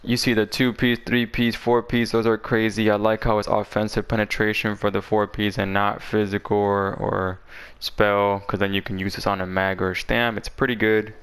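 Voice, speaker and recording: A man's voice: on the low side, level tone, moderate pace, hardly any pauses, fairly bright tone, smooth. A man talking casually and in slang as he presents a game build guide, his voice a little parched from being sick. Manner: informal, slangy talk.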